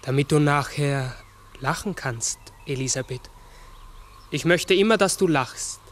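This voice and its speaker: Slow, mysterious talking raven. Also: male voice, on the high side, a bit bright. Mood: tender, mysterious. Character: huge talking raven, gentle, mysterious, solemn. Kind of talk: 1960s radio play acting. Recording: 1960s mono radio recording with music.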